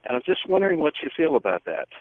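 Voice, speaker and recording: A man's voice: on the high side, very animated, fast talker, no room sound. Caller: a man from Nebraska heard over a tinny phone line, earnest and hesitant. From Nebraska, USA. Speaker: radio call-in caller.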